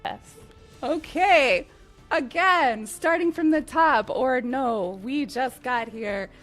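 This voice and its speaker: A woman with a slightly high voice hosts a live game stream. She talks slowly and at ease while she plays. She giggles often and explains things as she goes. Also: fairly bright tone, faint music behind. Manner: giggly, easygoing, unhurried. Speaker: stream host.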